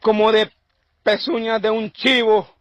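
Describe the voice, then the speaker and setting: A man's voice: high voice, little pitch movement, a little slow, fairly bright tone, dry recording. A man preacher giving an emotional testimony, telling his story in an intense, repetitive way. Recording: dull lo-fi dry sound.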